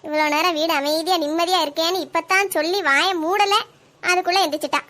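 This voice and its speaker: A scheming, nagging older mother-in-law from a cartoon, speaking with a Kanyakumari Tamil accent. She mutters grumbling plots to herself in a very high, bright, sharp voice. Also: steady tone, quick pace. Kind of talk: cartoon voice acting.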